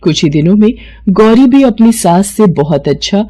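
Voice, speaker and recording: Woman storyteller, steady narration, mid pitch, cartoon moral story. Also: normal speed.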